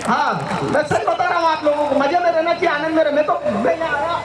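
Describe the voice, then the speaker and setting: On stage, a very high-pitched, fast-talking man from Madhya Pradesh, India, performs comic poetry, landing jokes with playful punchlines. The sound comes from a distant, echoey live PA, with crowd noise around it.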